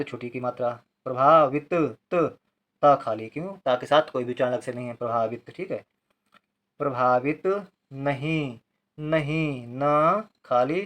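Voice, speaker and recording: A man's voice: medium pitch, a bit bright. Male writing teacher: patient, methodical, repeats each syllable, asks and answers his own questions. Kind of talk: step-by-step handwriting lesson.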